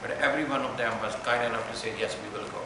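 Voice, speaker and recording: Steady background noise and heavy room echo surround an event organizer addressing a press conference. Pitched at medium height, his earnest speech stumbles along as he keeps reworking his points.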